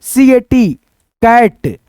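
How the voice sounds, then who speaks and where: A man's voice: very high voice, animated, drawn-out words, dark tone, clean tone, no room sound. A man teaching English phonics, spelling out letters and repeating each word, asking the class and answering his own questions. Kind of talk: phonics lesson at a whiteboard.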